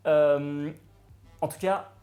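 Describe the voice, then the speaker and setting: A man chatting excitedly with viewers while he cooks live, greeting and thanking them as he goes. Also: a little high, drawn-out words, faint music behind. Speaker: cooking streamer. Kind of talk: live-streamed cooking chat.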